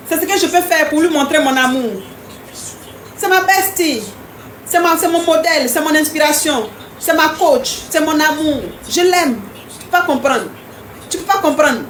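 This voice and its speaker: A woman's voice: high-pitched, echoey room, slight background noise. A woman hosting a live stream, chatting casually and teasingly with viewers, repeating herself often. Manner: repetitive, teasing, talks straight to commenters.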